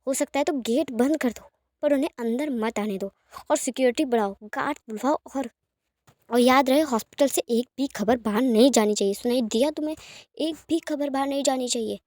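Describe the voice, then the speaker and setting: A woman plays a brisk young secretary who takes charge, steady and firm as she reassures and gives orders. The voice is high and clear, recorded dry and close. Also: dry recording, lightly acted. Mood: commanding.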